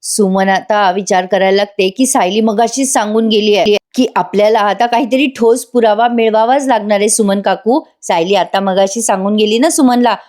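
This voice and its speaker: A woman's voice: medium pitch, steady tone, normal speed, hardly any pauses, darkish tone. A woman gives a voice-over recap of a TV serial episode. She chats along, tells the story and speaks directly to her viewers as an eager fan. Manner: chatty, addresses viewers directly. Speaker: TV serial reviewer.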